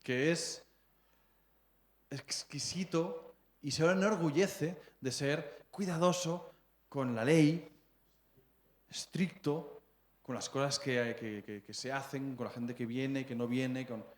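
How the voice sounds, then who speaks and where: A man's voice: mid-range voice, takes it slowly, pauses often. A man in his thirties with a Spanish accent preaching a sermon, chatty and prone to repeating words as he checks in with the congregation. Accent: Spain. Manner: conversational, often checks in with the congregation; stumbles and repeats words while searching for phrasing. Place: church hall. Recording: echoey church hall.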